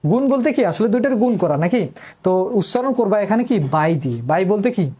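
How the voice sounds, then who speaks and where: A woman's voice: mid-range voice, expressive, moderate pace, mellow, slightly rough. A woman math tutor, teaching an online lesson in an informal way. She quizzes students, answers her own questions, and repeats the key terms.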